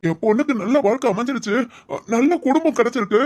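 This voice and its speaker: A performer voicing a gentle, doting older father who asks soft, pleading questions, heard a little away from the mic. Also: medium pitch, animated, fast talker, pitched below the performer's own voice, lightly acted.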